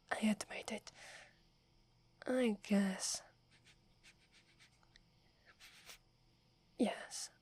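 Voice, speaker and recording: In this close-mic ASMR roleplay, a woman from Italy with an Italian accent whispers as a proud, wary sixteen-year-old werewolf girl, her mid-range voice breathy and airy. The mood is grudging as she drawls slowly and scolds in a hush, claiming the forest as hers, every word soft and near.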